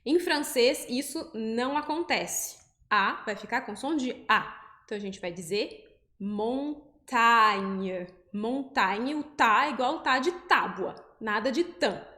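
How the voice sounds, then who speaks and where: High-voiced Brazilian woman teaching patiently. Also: lively intonation, pushed and bright, reverberant. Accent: Brazilian Portuguese. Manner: patient, explains step by step and models each word slowly. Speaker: French teacher. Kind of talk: pronunciation lesson.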